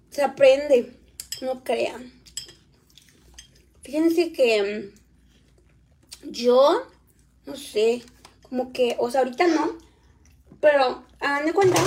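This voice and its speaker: A woman's voice: sits high, a little mellow, slight background noise. A woman, chatting casually on a live stream from home, reading viewer comments aloud while she eats. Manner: chatty, reads viewer comments aloud, tends a small child. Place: home, at a meal.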